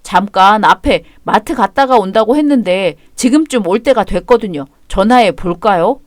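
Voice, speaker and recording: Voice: mid-range voice, animated, moderate pace, no echo, natural voice. Actor doing a flustered young husband, nervous, placating, dry close mic.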